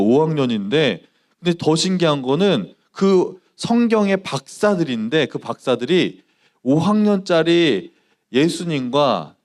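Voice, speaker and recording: Male pastor, youth sermon, bright animated delivery with swooping pitch, asks the room questions. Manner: lively storytelling, quizzing the audience. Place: church sanctuary.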